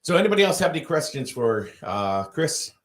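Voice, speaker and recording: A man hosting a casual talk show, animated and laughing often, with plenty of ums. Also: on the high side, a little fast. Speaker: show host. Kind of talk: casual radio-style chat.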